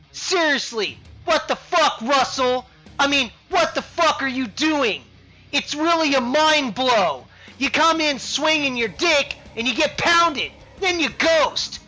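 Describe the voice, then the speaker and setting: Shouting man in a crude roast rant. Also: very high voice, rough recording. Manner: shouting, crude insults, frequent laughter. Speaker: fantasy football league podcast host.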